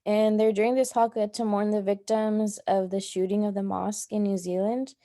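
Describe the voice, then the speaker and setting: A woman's voice: mid-range voice, flat delivery, moderate pace, dark tone. A woman taking part in a casual group discussion, explaining her view thoughtfully with fillers. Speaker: participant.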